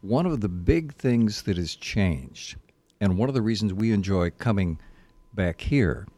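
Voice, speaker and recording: A man's voice: lowish voice, expressive, a little slow, mellow. An older man, a veteran broadcaster, speaking conversationally as a guest in a radio interview.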